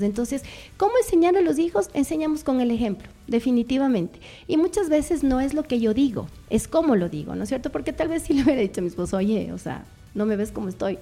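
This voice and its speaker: A woman's voice: on the high side, dark tone. A middle-aged woman, a guest on a radio talk show, telling reflective stories with many fillers.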